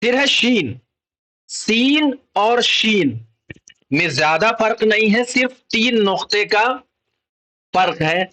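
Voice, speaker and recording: A man's voice: sits high, lively intonation, pauses often, bright, forceful tone, poor audio. A man with an Urdu accent teaching children the Arabic letters, explaining patiently and repeating each letter and its sound. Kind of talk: slow explanatory lesson.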